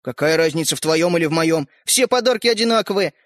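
Man voicing eager boy, bossy, breathless, high and lively, dry storybook audio. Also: quick pace, no echo. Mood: excited. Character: excitable boy, eager schemer.

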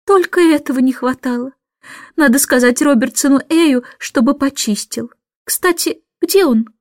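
A woman's voice: high-pitched, moderate pace, dry recording, clean studio sound, natural voice. A woman voicing a harried middle-aged mother, plaintive and fussing, in a storybook reading. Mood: flustered.

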